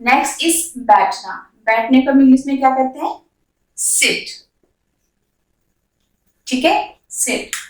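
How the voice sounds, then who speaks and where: A woman with a fairly high voice teaches beginners, saying each example phrase slowly and with care. She sits back from the mic in an echoey room. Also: expressive, distant mic. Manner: slow, drawn-out model sentences between quick explanations. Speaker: English teacher. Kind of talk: beginner language lesson.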